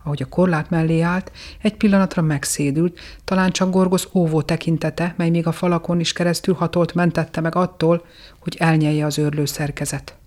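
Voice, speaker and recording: A narrator giving a measured, expressive storybook reading of a fairy tale. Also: mid-range voice.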